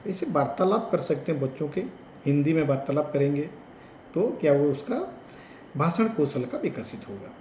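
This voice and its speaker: Male teacher trainer, odia-influenced hindi, slightly high voice, echoey classroom sound. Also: sing-song, darkish tone, a little hiss or hum. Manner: explains slowly, repeats example sentences with stress. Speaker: teacher educator.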